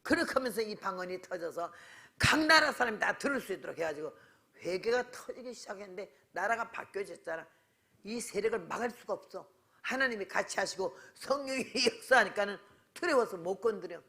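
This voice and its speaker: An older woman delivers a revival sermon in a church. Her voice is gravelly and forceful, with a bright, tense edge. She speaks bluntly and scolds as she tells her stories, playing out each side of the conversations herself. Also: medium pitch, lively intonation, brisk. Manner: blunt, scolding storyteller who acts out both sides of conversations. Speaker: guest revival preacher, missionary. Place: church sanctuary.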